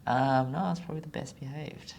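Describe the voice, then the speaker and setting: Gravelly young man, halting answers. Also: mid-range voice, fairly even intonation, darkish tone, a little hiss or hum. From Zimbabwe. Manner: hesitant, with frequent ums and short trailing answers. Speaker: podcast guest, consultant. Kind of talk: casual interview chat.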